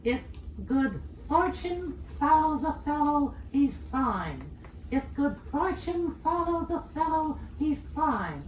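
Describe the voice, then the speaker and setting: A man voicing a squeaky ventriloquist dummy, an eager, hesitant boyish pupil in a scripted comic lesson. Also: sing-song, distant mic, full character voice. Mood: earnest. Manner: eager, hesitant, repeating practice phrases slowly. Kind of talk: scripted comic instructional dialogue. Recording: roomy, dull, faintly noisy old record.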